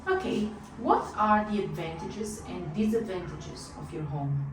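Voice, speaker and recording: A woman acting as an English speaking examiner in a mock test, asking short, clearly paced questions. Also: fairly low pitch, expressive, unhurried. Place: classroom. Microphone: distant room microphone. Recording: echoey room far from the mic, clear background noise.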